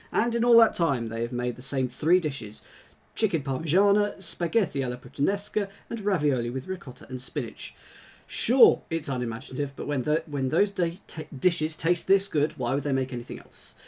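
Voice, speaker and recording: A man's voice: a little high, darkish tone. A man solving a puzzle on a livestream, reading clues aloud with frequent restarts and asides. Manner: reads aloud haltingly, with many restarts and asides. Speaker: puzzle solver. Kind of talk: casual chat while solving a puzzle on a stream.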